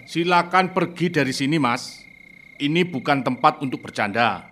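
A man's voice: on the high side, moderate pace, fairly bright tone, natural voice. A man playing a curt, stern night stranger. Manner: curt, commanding. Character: stern scavenger man guarding haunted house. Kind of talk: radio drama acting. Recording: faint hiss, from a distance.

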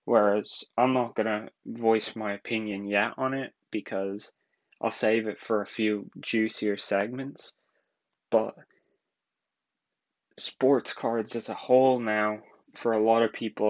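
An Irish man in his twenties hosts a solo podcast, rambling casually and laughing often. His voice sits on the low side, with a flat, unhurried delivery, and the audio sounds dull.

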